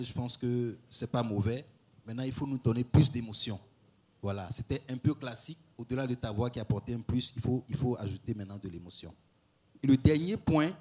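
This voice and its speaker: A man's voice: mid-range voice, darkish tone. A man on a jury giving direct advice to a contestant, often closing points with a short "voilà". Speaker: jury member. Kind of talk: spoken critique of a performance.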